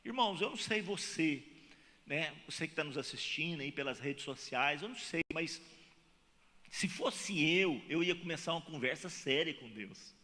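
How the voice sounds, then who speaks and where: A man's voice: a little high, animated, normal speed, sharp tone. A Brazilian man preaching a sermon as pastor, acting out dialogue in different voices. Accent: Brazilian Portuguese. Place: church hall. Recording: long reverb of a church hall.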